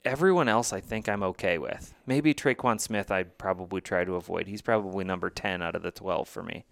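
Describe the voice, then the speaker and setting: A man's voice: low voice, brisk, creaky, fairly bright tone, dry recording. Chatty man talking fantasy football. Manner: chatty, thinks aloud with fillers. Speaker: podcast co-host. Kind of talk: casual fantasy football chat.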